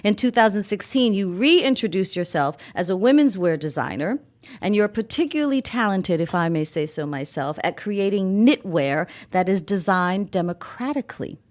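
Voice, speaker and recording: A woman from Haiti hosting an interview as a plastic surgeon, effusive and quick to laugh. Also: mid-range voice, expressive, a little mellow. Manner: effusive, laughs often, reads bullet points.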